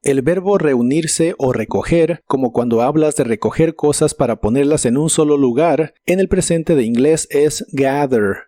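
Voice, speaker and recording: Male language tutor, fairly high voice, dry close-miked read, slow careful model words. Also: warm tone, no room sound. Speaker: English teacher. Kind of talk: scripted vocabulary lesson.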